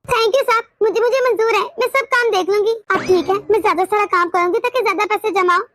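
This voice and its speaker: A woman's voice: very high-pitched, fairly quick, a bit bright, a little hiss or hum. Woman voicing an eager humble housemaid. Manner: deferential, eager.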